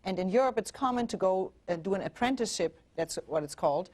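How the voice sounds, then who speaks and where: Animated and quick, with a mid-range voice and a darkish tone, a German-accented woman in her forties talks earnestly as a guest on a TV show. She's a relationship coach from Germany, and her interview answers are full of restarts and fillers.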